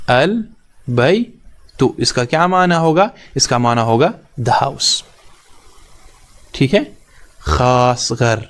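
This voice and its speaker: Man teaching Arabic grammar, repeats everything. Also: mid-range voice. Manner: asks questions then answers them, repeats key terms; mixes in English grammar words. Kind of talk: recorded language lesson.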